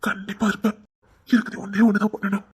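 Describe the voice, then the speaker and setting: A husky, breathy voice voices a remorseful husband in an audio drama, as an actor plays him. He has a Tirunelveli Tamil accent and pleads and apologizes with deep feeling. His pitch sits in a middle range. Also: level tone, fast talker, a little mellow. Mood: pleading. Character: remorseful short-tempered husband.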